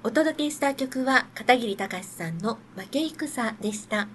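A woman hosting a casual radio show, reading out a listener's letter, often giggling and answering with soft agreeing murmurs. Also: fairly high pitch, animated, a little slow, a little hiss or hum.

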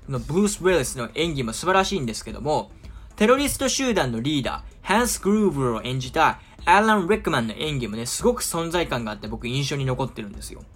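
A man's voice: medium pitch, big pitch swings, a bit bright. A man talking casually to viewers as a film commentator, chatty and full of easygoing asides. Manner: chatty, often drawn-out asides and filler words. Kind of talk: casual explanatory talk to viewers.

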